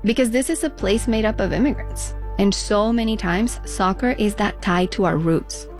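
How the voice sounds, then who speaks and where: A woman's voice: mid-range voice, moderate pace, darkish tone, faint music behind. Reflective woman narrating a radio feature. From Mexico.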